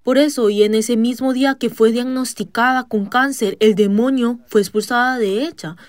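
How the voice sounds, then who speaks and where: A woman giving a church testimony in a measured storytelling manner, pausing on "ah" fillers and breaking into loud shouted commands. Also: on the high side, fairly even intonation, no room sound. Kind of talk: spoken testimony sermon.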